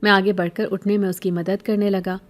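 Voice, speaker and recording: A woman telling a scripted horror story in steady, even narration. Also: medium pitch.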